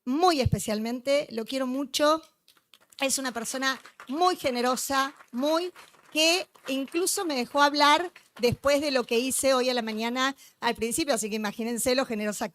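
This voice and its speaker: A woman's voice: a little high, no room sound. A woman giving a joking, chatty conference lecture, teasing her live audience. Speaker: conference speaker.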